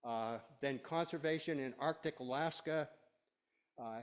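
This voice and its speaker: A man's voice: mid-range voice, a little slow, clear, resonant tone. Older man giving a rambling slide talk. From Washington State, USA. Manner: folksy and rambling, with many uh fillers. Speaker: lecturer. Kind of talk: slide presentation to a class.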